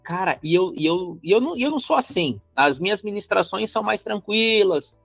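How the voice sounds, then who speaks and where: Animated gravelly Brazilian man. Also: high-pitched, brisk, no room sound, soft background music. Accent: Brazilian Portuguese. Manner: animated, acts out quoted voices. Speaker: podcast host. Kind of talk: casual podcast chat.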